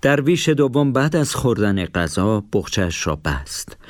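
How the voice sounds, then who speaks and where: Expressive male storybook narrator. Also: on the low side, no room sound.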